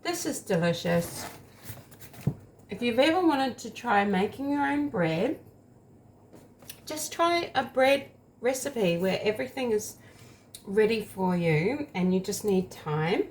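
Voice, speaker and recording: Slow, chatty woman vlogger. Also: medium pitch, sing-song, a little mellow, a little hiss or hum. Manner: chatty, rambling, eats while talking. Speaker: home baking vlogger. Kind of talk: casual taste-test vlog.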